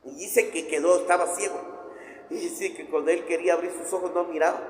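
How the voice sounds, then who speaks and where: Emphatic male preacher with a raised pitch, recorded in a church hall with long reverb. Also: fairly even intonation, fairly quick. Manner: emphatic, repetitive lists, rhetorical questions. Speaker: pastor. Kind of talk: sermon.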